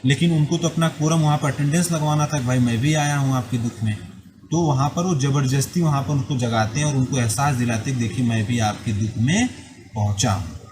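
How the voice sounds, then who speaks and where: A man's voice: mid-range voice, poor audio. A male teacher reading a story aloud and explaining its words, line by line, with frequent checks. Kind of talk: explaining a textbook lesson.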